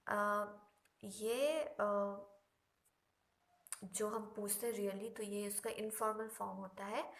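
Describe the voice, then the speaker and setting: A woman teaching a language lesson, explaining each example slowly and patiently, with drawn-out repetitions. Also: medium pitch, fairly bright tone. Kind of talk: Korean lesson explained in Hindi.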